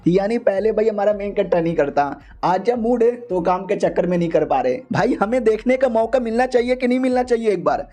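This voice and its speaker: A man's voice: high-pitched, fairly quick, hardly any pauses, mellow. A man narrating a comic-story recap in a chatty, slangy way with joking asides.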